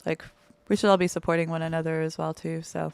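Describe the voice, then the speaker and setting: A woman's voice: deep voice, level tone, fast talker, vocal fry, clear, resonant tone, no echo. A woman in her thirties from Belgium, a bartender talking enthusiastically in a casual podcast interview, lingering on descriptive words. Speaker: bartender guest.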